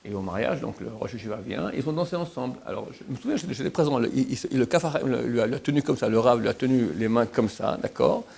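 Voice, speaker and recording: A man's voice: mid-range voice, fast talker, gravelly, few pauses. A man, a rabbi, giving an informal sermon, telling stories and acting out the quotes with many restarts. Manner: animated storyteller, acts out quotes, many restarts. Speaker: rabbi teaching a Torah class.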